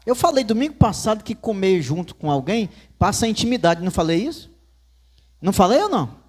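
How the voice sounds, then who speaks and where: A Northeastern Brazilian man preaching a sermon in church, his voice sitting high. He tells stories with folksy asides, and his pitch leaps around with animated energy. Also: brisk. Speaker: pastor.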